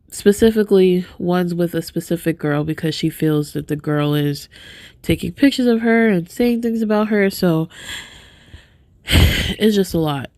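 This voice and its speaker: A woman with a lowish voice hosts a podcast, speaking softly, earnestly and casually to her viewers. She sounds congested and sniffly, with a stuffed-up nose. There's no room sound.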